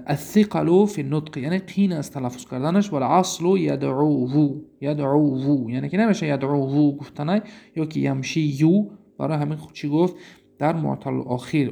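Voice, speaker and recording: A man's voice: fairly high pitch, vocal fry, mellow. A man with a Tajik accent teaching Arabic grammar in a recorded lecture. He explains step by step and asks and answers his own questions.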